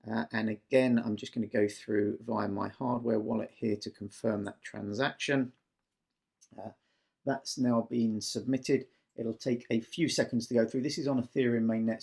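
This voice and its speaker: A man's voice: mid-range voice, a little mellow. A man giving a casual, step-by-step screen-recording walkthrough in an explanatory manner as a tutorial presenter.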